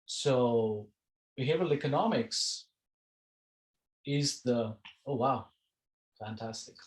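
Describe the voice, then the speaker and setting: A man's voice: medium pitch, takes it slowly, echoey room, poor audio. A man teaching an online class over a video call, talking casually and often restarting his phrases. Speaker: course instructor.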